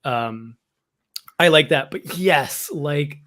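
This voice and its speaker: A man co-hosts a fan podcast with a casual Star Wars discussion, explaining his views conversationally. His voice is fairly high-pitched and fairly bright, and he takes it slowly.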